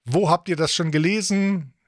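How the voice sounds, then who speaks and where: A man's voice: high voice, moderate pace, no echo, studio quality. A man hosting a talk show, explaining a book in a joking, rambling way with many self-corrections. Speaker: host. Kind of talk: casual talk show discussion.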